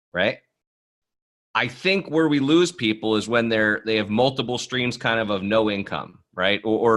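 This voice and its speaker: Bright-voiced American man, casual guest. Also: mid-range voice. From New Jersey, US. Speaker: podcast guest, business author. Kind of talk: casual conversational interview. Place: basement, on a video call.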